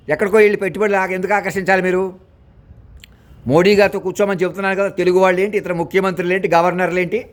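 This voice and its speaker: A man delivers a rambling spiritual monologue at a rapid clip. His voice sits a little high. He is insistent and preachy, scolds his listeners, and keeps repeating phrases and restarting half-finished words. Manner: fast, insistent, repetitive, with many restarts. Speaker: self-styled spiritual preacher.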